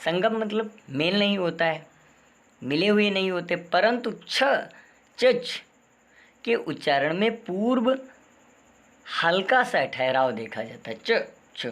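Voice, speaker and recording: Slow, patient teacher with rhetorical questions. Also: mid-range voice, expressive, fairly bright tone. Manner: slow, explains with rhetorical questions and repeats answers. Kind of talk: spelling and pronunciation lesson.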